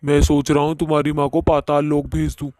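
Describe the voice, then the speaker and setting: A man's voice: a little high, monotone, a little fast, a little mellow, no room sound, close to an everyday voice. A man voicing a bossy, short-tempered ghost boyfriend in a cartoon who complains and threatens.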